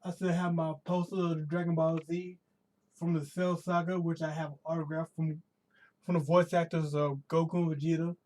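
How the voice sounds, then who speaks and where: An American man hosts a casual live stream from a room in his United States home, speaking at a moderate pace with a slightly high pitch, a level tone, and a darkish timbre. He tends to ramble, often restarting and rephrasing, and his voice sounds slightly worn from a pollen allergy.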